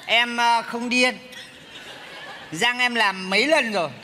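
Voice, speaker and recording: Man with a very high, bright comic voice. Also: steady tone, slow, a little hiss or hum. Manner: exaggerated theatrical comic delivery. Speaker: comic actor playing a sorcerer. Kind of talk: stage comedy sketch.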